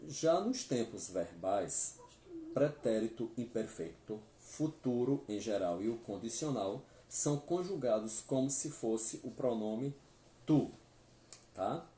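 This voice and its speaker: Man, Pernambuco Brazilian accent, live class teacher, very slow, echoey room. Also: medium pitch, animated, dark tone, slight background noise. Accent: Brazilian Portuguese, Pernambuco. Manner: slow, repeats each form with "tá?". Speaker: Spanish teacher.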